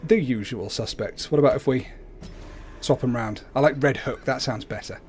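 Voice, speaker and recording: A man's voice: mid-range voice, normal speed, darkish tone, soft background music. A man hosting a livestream, casually explaining the video game he plays. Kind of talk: casual explanatory gameplay commentary. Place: indoors at a computer, webcam.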